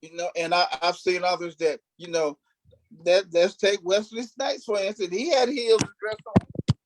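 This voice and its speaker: A stage actor and cast member of a play talks informally in an interview, repeating phrases emphatically to stress them. He has a high voice with fairly even intonation at a normal speed, and the audio quality is poor.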